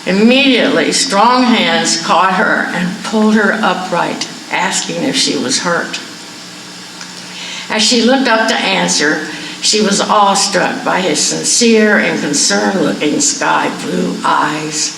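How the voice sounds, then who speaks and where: A woman reading her own limericks and a short story aloud, pausing with fillers between pieces, in an echoey room at a wellness center. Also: lowish voice, vocal fry, a bit bright, slight background noise. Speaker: poetry reader. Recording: echoey room, mic far off.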